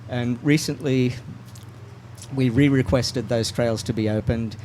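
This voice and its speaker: A man's voice: mid-range voice, steady tone, measured pace, warm tone, a little hiss or hum. A man as a radio talk show guest, explaining steadily with frequent restarts. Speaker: mountain bike advocacy guest.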